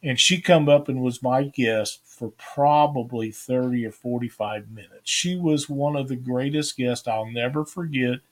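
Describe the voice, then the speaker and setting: A man's voice: medium pitch, a little slow, hardly any pauses. A man hosting a live fishing stream, talking casually and rambling through stories with homespun grammar.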